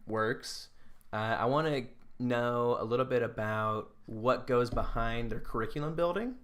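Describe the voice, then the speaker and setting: A podcast co-host with a mid-range voice talks at a measured pace, easygoing and self-deprecating, during casual banter between friends.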